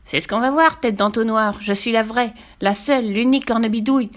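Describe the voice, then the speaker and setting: A woman's voice: on the high side, fairly quick, close to an everyday voice. A woman voicing a spiteful, bickering witch who hurls silly rhyming insults in a storybook reading. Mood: mocking, spiteful. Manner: spits silly insults in rhymes.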